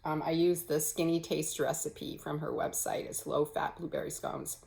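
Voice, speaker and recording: A woman with a somewhat low voice chats casually to camera at home, showing her stitching. She rambles, filling pauses with ums and correcting herself as she goes. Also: flat delivery, creaky, darkish tone, rough recording. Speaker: cross-stitch vlogger. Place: home, early morning.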